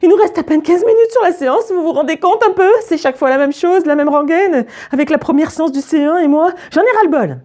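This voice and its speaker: A woman reading a children's story aloud and voicing an exasperated teacher who scolds loudly. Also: very high-pitched, animated, fast, few pauses, pitched above the performer's own voice. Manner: loud, scolding.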